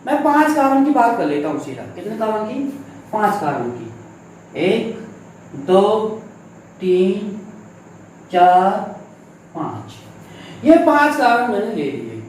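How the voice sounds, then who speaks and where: A man's voice: sits high, huge pitch swings, measured pace, long pauses, a little mellow. A male teacher giving a lesson in a conversational way, asking and answering his own questions and repeating the key points. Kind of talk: recorded classroom lesson. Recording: very echoey room, mic at a distance, faint noise.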